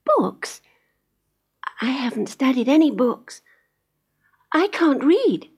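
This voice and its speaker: A woman doing an eager, high little mountain girl. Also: very animated, a little mellow, slightly rough, heavily acted. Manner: breathless, pleading, rushing.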